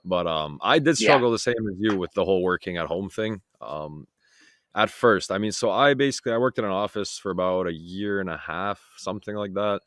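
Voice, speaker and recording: Guest, young man, very low voice, relaxed chatty delivery, dry sound. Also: a little fast, no echo. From Toronto, Canada. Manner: easygoing, relaxed, filler-heavy. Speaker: guest, freight broker. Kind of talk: casual interview chat.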